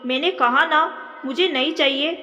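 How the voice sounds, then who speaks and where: A woman reading a sharp-tongued young woman. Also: high-pitched, moderate pace. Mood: irritated. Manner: curt, irritated. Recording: long reverb.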